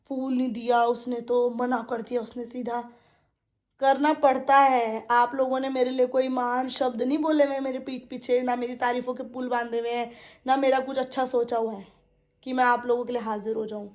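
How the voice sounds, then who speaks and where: A young woman with a high voice talks straight to her viewers in a casual vlog. She vents with indignation and circles back over the same points. Her tone stays direct and aggrieved throughout. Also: flat delivery, normal speed, a little mellow. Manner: indignant, repeats herself, addresses viewers directly. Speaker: vlogger. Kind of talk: casual venting monologue to viewers.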